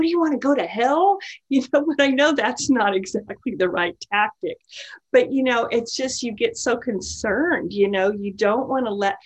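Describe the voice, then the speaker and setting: Chatty, earnest woman teaching scripture. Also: medium pitch. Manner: chatty and earnest, full of "you know" asides. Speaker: women's Bible study teacher. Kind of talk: informal devotional teaching.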